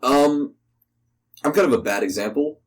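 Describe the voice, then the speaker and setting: Here a young American man with a mid-range voice talks at a normal speed as a podcast guest. He rambles informally through his interview answers, dropping "like" again and again.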